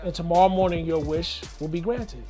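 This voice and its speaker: A calm, knowing fairy godmother speaks softly and a little lower than his narration, as a man puts her on while telling a story. Her tone is matter-of-fact and unhurried. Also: soft background music, natural voice.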